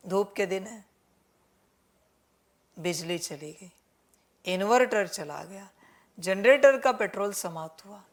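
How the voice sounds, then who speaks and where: Woman preacher, slow and gentle scolding, calls everyone kids, keeps repeating herself. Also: medium pitch. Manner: gently admonishing, repeats the same points; mixes English words into Hindi. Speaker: spiritual teacher. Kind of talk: spiritual sermon addressing listeners as children.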